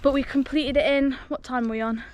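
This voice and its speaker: A woman's voice: high-pitched, fairly even intonation, fairly quick, darkish tone. A woman from the UK, out of breath, chatting to camera on an outdoor hike with lots of ums. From United Kingdom. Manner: chatty, upbeat, with frequent ums. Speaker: hiking vlogger. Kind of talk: casual vlog to camera. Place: outdoors on a hill path.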